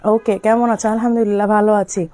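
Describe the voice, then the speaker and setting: A young woman from Bangladesh, slightly hoarse and coughing from illness, chatting with viewers as she sells on a live stream and answers their comments. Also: medium pitch, little pitch movement, mellow. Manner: speaks slowly to spare her voice. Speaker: online shop owner selling on a live stream. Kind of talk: live-stream sales talk.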